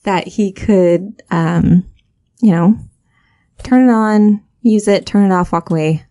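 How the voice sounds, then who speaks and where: Brief: woman co-host, mid-pitched, rambling casual storyteller. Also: takes it slowly, warm tone. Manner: rambling, many fillers and restarts. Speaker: podcast co-host.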